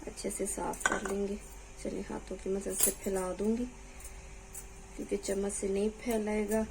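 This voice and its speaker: A woman's voice: medium pitch, level tone, moderate pace, creaky, warm tone, a little hiss or hum, rough recording. A young woman hosting a home cooking tutorial in her kitchen, chatting as she works and pleading with viewers to subscribe. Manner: talks while cooking, voice drops off-mic at times. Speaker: cooking channel host.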